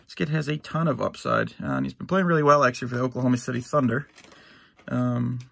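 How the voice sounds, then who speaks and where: Gravelly, hoarse-edged man chatting casually. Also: mid-range voice, expressive, fast talker, fairly bright tone. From United States. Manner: easygoing, rambling with many fillers and restarts. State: slightly hoarse, clearing his throat. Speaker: sports card collector opening a box on his channel. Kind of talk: casual box-break commentary. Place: at home, in his basement.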